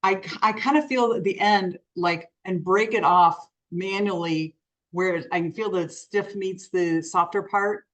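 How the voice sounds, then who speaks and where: A woman's voice: medium pitch, steady tone, unhurried. A woman co-hosting a health show, chatting casually and chiming in with questions. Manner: conversational, chimes in with questions. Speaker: co-host. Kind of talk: casual chat.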